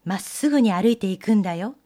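A woman voicing a helpful starling messenger bird who speaks politely and gives gentle instructions. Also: mid-range voice, lively intonation, fast, natural voice.

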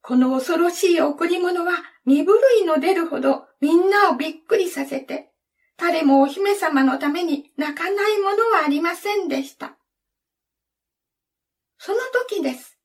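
A woman reads a fairy tale aloud in a very high, gentle voice. She takes her time over every phrase with a slow, measured delivery. The mic sits some way off from her. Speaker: storyteller. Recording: distant from the mic.

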